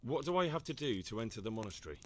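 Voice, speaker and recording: A man's voice: medium pitch, very animated, very fast, natural voice. A man playing an inquisitive hero in a medieval video game, asking direct questions. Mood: curious.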